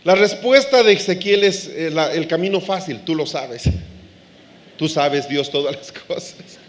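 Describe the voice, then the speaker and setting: A man preaching a sermon to a live congregation, animated, acting out quoted voices and laughing along with the audience. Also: on the high side, a little slow.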